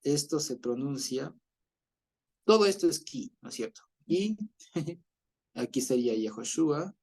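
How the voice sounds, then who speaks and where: A man's voice: fairly high pitch, lively intonation, unhurried, a little mellow. A man teaching an online Bible class over a video call, explaining patiently, often checking in with listeners and chuckling as he goes.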